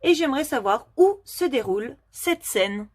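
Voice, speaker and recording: A woman teaching a phonics lesson to young children, asking questions patiently and clearly articulating each word. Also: sits high, lively intonation, normal speed, dry recording, studio quality.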